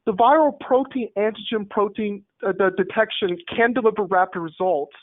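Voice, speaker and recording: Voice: mid-range voice, moderate pace, dry recording. Medical presenter on a group call, tinny phone-ish audio, dry, walks through slides methodically. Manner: methodical, explains step by step. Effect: heard over a group call line. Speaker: medical presenter at a town hall. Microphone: remote call connection.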